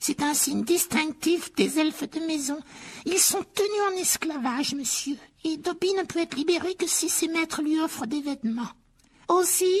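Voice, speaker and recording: A woman voicing a timid, pleading male house-elf servant in a dramatized audiobook reading, fretful and anxious to please. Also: high voice. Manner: pleading, fretful and self-punishing.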